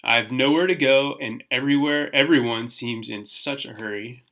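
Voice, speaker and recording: A man plays a well-mannered young bear from a children's storybook. He speaks earnestly and courteously, with a bright tone and some hesitation. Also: medium pitch, normal speed, a little hiss or hum. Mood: grateful.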